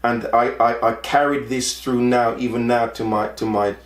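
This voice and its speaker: A man's voice: mid-range voice, little pitch movement, normal speed, echoey room. A man in his forties from Jamaica, talking earnestly about his own life and often repeating words as he presses a point. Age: 40s. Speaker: podcast host. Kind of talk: personal monologue.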